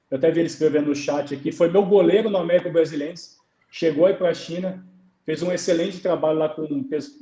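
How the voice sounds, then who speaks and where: A Brazilian man, a goalkeeper coach, recounting his experiences in a relaxed interview, acting out dialogue as he tells stories. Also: on the high side, echoey room, dull audio. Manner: storytelling, acts out dialogue. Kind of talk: conversational interview on a live stream.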